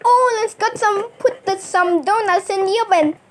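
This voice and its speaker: A woman's voice: extremely high pitch, moderate pace. A woman narrating a toy play story, voicing the characters herself with playful, sing-song sound effects.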